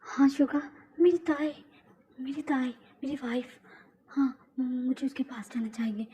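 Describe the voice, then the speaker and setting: A woman's voice: high voice, measured pace, mellow, husky, full character voice. A woman voicing a hot-tempered young male mafia boss in a fan audio drama, talking emotionally with repeated stammers. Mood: shaken.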